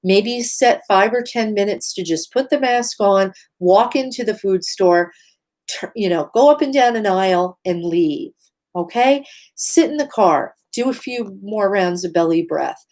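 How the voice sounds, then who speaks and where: A woman speaking earnestly through a face mask, giving emphatic, measured advice straight to her listeners in an instructional talk. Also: mid-range voice, expressive, a little mellow. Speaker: host giving mental health advice.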